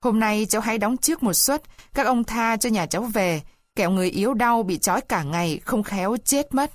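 A woman's voice: medium pitch, fairly quick, dry recording, clean studio sound, natural voice. A woman voicing a poor peasant wife who pleads and weeps, in a storybook reading. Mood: tearful. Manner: pleading, weeping.

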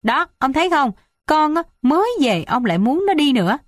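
A woman's voice: lively intonation, brisk, a little mellow, no room sound, studio quality, close to an everyday voice. A woman voicing a scolding, dramatic old village matriarch in an audiobook. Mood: wailing. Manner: shrill, complaining, wailing.

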